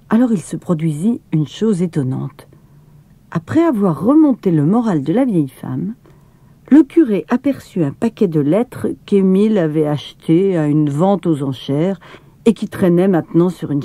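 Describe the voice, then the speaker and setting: A woman narrating a children's storybook in a calm, measured reading voice, close to the mic. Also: fairly low pitch, no echo.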